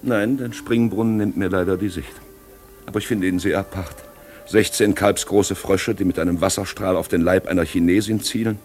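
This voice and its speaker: A man acts out an urbane, mocking gentleman in a vintage radio play, languid and cultivated. His very deep voice drawls ironic remarks over faint music. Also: fairly even intonation, normal speed, natural voice.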